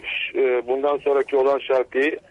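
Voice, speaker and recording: A middle-aged man calls in to a radio show over a landline phone, halting and stumbling over his words. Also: mid-range voice, level tone, no echo. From Bulgaria. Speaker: caller. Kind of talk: call-in greeting on radio. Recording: dull lo-fi phone line.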